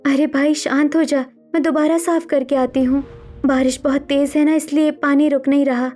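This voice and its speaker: A woman voicing a patient, overworked young sister who speaks softly and humbly in a cartoon story. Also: sits high, level tone, normal speed, faint music behind, natural voice. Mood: meek. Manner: soft-spoken, submissive, sorrowful.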